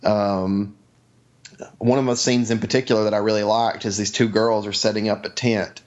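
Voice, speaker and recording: A man co-hosting a podcast, chatting excitably about a film with many restarts. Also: fairly low pitch, dull audio. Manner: excitable, halting, repeats words. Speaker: podcast co-host. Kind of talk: casual chat about films.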